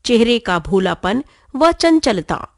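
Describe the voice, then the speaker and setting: A woman narrating a children's story in an expressive, clear way. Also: on the high side, takes it slowly, no room sound, studio quality.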